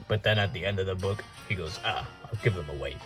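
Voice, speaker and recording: A man voicing an author who pitches his book in an unnaturally deep, droning voice. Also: quick pace, a bit bright, faint music behind. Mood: flat. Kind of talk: comedic skit acting.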